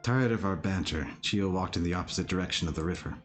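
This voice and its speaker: A young village leader acted by a man speaks in a low, raspy voice. He is a dry, teasing father figure from a visual novel, with faint music playing behind him. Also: fast, lightly acted. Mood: reflective. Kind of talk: visual novel character acting.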